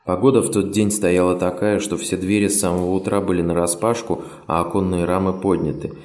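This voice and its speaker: Deep-voiced male audiobook narrator. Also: level tone, a little fast, a little mellow. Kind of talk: scripted literary narration. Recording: roomy with faint music.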